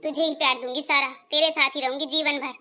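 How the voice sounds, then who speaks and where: A woman's voice: sits high, steady tone, quick pace, bright, forceful tone. A woman playing a changeable mother-in-law in a comedy skit. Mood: remorseful.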